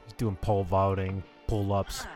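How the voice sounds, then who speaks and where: A man's voice: deep voice, little pitch movement, moderate pace, darkish tone, soft background music. A man giving offhand, wry, casual commentary as he describes a cartoon. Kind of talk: casual watch-along commentary.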